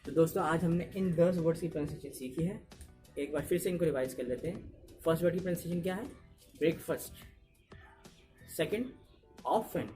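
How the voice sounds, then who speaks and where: A man's voice: fairly high pitch, fast talker, a little mellow, faint music behind. A man with an Indian accent teaching English pronunciation in a casual video lesson, repeating each word and asking "What?" to drill it.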